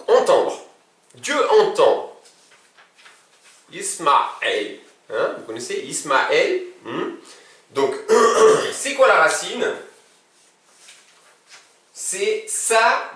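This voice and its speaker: An Arabic teacher leads a language class, patiently teaching and often checking that his students follow. His male voice is on the high side with a fairly bright tone. It's a classroom lesson recorded in a very echoey room from a distant mic.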